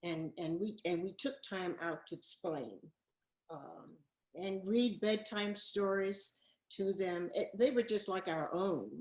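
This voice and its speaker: A woman's voice: mid-range voice, measured pace, a little mellow. A woman in her eighties, a guest in a casual interview, speaking earnestly and repeating words for emphasis. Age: 80s. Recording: echoey room.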